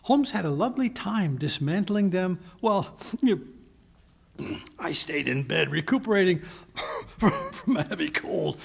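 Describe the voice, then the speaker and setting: A man playing a flustered, bumbling older gentleman doctor with a hesitant, stammering delivery in a live radio play. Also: fairly high pitch, expressive, takes it slowly, vocal fry, slightly rough, exaggerated voice. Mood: flustered, reminiscing. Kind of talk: live recreation of 1940s radio drama.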